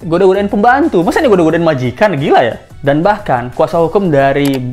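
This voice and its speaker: A woman's voice: on the low side, animated, brisk, a little mellow, soft background music. A woman giving casual, gossipy commentary, laughing often and mocking quotes with acted voices.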